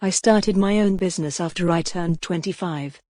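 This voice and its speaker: A woman teaching English grammar, reading example sentences slowly and clearly in a scripted lesson. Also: on the low side, a little mellow, no echo, studio quality. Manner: slow, clear, deliberate reading.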